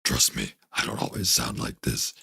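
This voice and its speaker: A man mocking a gruffly deep streamer voice. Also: very animated, moderate pace, bright, forceful tone, dry recording, clean studio sound, exaggerated voice. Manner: mocking, exaggerated.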